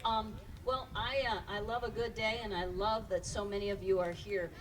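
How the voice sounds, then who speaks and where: A woman's voice: medium pitch, steady tone, moderate pace, background noise. A woman hosting a live children's music show, chatting and encouraging kids and parents from an outdoor stage. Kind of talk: live stage banter with a family audience. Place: outdoor evening concert stage. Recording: distant live stage sound with loud music. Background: loud live band music.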